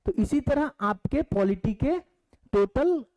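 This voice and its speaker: Male teacher with an Indian accent, warm dark tone, teaching an online class and checking in with the students. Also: extremely high pitch, lively intonation, poor audio. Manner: explains step by step, asks the class questions; reads syllabus points aloud slowly in English.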